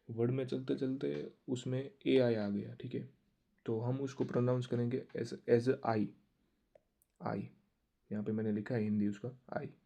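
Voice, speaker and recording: A man giving a casual online German lesson, explaining slowly and repetitively while mixing Hindi and English. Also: mid-range voice, vocal fry, warm tone. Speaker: German language teacher.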